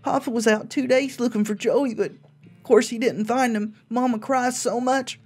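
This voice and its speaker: A woman's voice: on the high side, steady tone, moderate pace, darkish tone, breathy edge, soft background music, voice pushed up. A woman voicing a naive, frightened little frontier girl reading out her diary in a video game, childlike and folksy. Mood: worried, plaintive.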